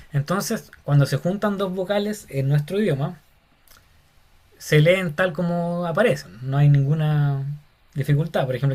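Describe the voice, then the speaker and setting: Male teacher, somewhat high voice, relaxed explanatory lecture style, informal. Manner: casual, addresses listeners as "hermano", many fillers. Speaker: Bible Greek teacher.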